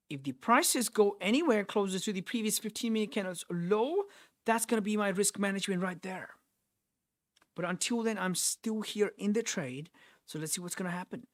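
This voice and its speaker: A young Nepali man streams his trading live, narrating each move and fielding chat messages. He tends to repeat himself and restart phrases as he thinks out loud, in a voice that sits high.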